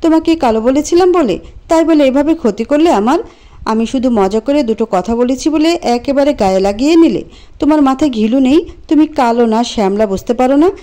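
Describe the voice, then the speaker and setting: A heated young woman scolds sharply in a story reading. Her voice is high and mellow, with tears under the anger, played by a woman narrator. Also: lively intonation, brisk. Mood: crying, angry. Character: young woman, furious and tearful.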